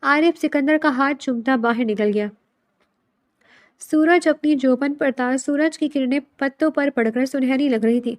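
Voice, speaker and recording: High-voiced woman narrating a story. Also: no echo, studio quality. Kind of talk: storybook narration of a romance novel.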